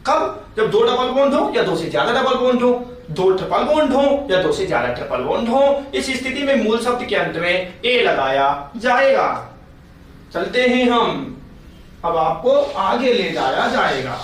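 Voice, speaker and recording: High-voiced male chemistry teacher in echoey room. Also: sing-song, normal speed, a bit bright. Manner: patient, repeats points, asks students questions. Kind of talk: classroom lecture. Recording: very echoey room, distant mic, faint noise.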